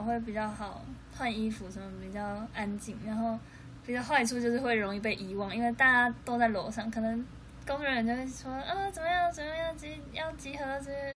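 A woman's voice: a little high, fairly bright tone. A young woman with a Taiwanese Mandarin accent chatting casually on a livestream, telling a story and acting out what people said. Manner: chatty storytelling, acting out her own quotes. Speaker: idol livestreamer. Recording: noisy livestream audio.

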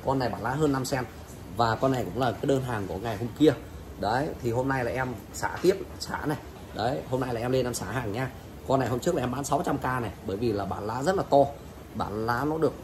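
A man from Vietnam delivers an insistent hard-sell sales pitch in a mid-range voice. He repeats himself as he pushes his deals. The recording is an open-air video with clear ambient noise behind him. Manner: repetitive, insistent, plugging prices. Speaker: orchid seller. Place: open-sided plant nursery yard. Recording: noisy outdoor phone-style video, ambient noise.

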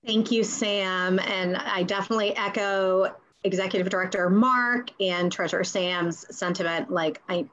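A woman's voice: medium pitch, fairly even intonation, moderate pace, fairly bright tone, dull audio. A woman who is council president thanks the treasurer and moves the agenda along in a casual way. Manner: casual, with fillers like "like" and "um". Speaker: council president chairing the meeting. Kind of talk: running a meeting agenda.

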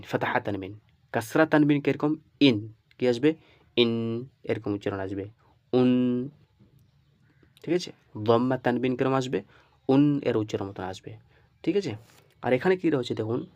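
A man's voice: medium pitch, dry recording. A man teaching Arabic reading marks. He asks his listeners questions, answers them himself, and keeps checking that they follow. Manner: repeats checks like "okay?" often. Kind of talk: screen-share lesson.

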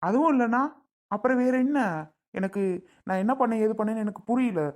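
A woman's voice: mid-range voice, steady tone, quick pace, dark tone, close to an everyday voice. A woman playing a patient relative who coaxes and apologizes, a bit exasperated, in a family skit. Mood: coaxing. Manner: coaxing, exasperated.

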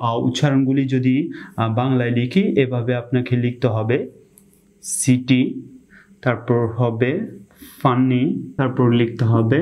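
A man with a Bangladeshi accent teaches English pronunciation to an online audience. He talks at a measured, mid-pitched level, often pausing with "ah" and saying example words two or three times, slowly and deliberately. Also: darkish tone, dull audio. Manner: repetitive, fills pauses with "ah", repeats example words slowly. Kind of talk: explanatory online lesson.

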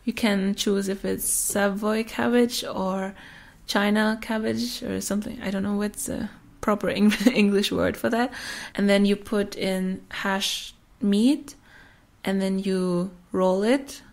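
Slow, easygoing woman who laughs a lot. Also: mid-range voice, steady tone, creaky, a little mellow. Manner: slow, chatty, laughs often mid-sentence. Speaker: podcast host. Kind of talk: casual chat.

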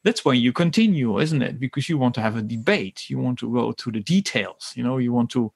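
A man's voice: medium pitch, animated, brisk, creaky, slightly rough. A middle-aged man raised in the Netherlands and Germany, speaking as a podcast guest in a thoughtful, hesitant way with many fillers and restarts. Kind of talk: conversational interview.

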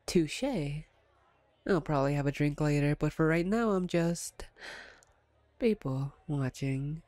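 A woman plays a vampire captor for an ASMR roleplay, flirtatious and smug with a playful edge. She speaks low and darkish in a wry, chatty, teasing way, never rushing. There's no echo on the track.

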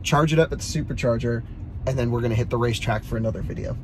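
A man's voice: medium pitch, very fast, background noise. Upbeat man explaining inside a car. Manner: upbeat, explanatory, laughs often. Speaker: host. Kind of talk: casual car review chat.

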